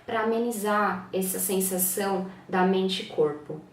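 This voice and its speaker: A woman teaching principles of communication in a relaxed, reflective way, often ending her points with short checking questions. Her voice sits in a mid range. She sounds set back from the mic in a room with a noticeable echo. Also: medium pitch, unhurried, distant mic, a little hiss or hum. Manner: reflective, frequent tag questions. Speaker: NLP coach. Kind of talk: casual teaching talk to camera.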